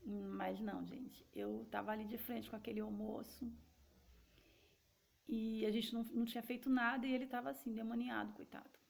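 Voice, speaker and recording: A woman's voice: fairly high pitch, level tone, normal speed, vocal fry. A woman with a Brazilian Portuguese accent telling a personal story in a casual, conversational way, speaking directly to her listeners.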